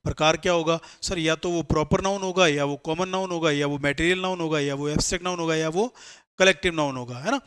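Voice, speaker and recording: A man gives a classroom grammar lecture and pitches his voice slightly high. He poses questions to the class and answers them himself, mixing with English terms as he works through each rule. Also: steady tone, fast talker, fairly bright tone, clean tone. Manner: explains step by step, asks and answers his own questions; mixes Hindi with English terms. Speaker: English teacher for competitive exams.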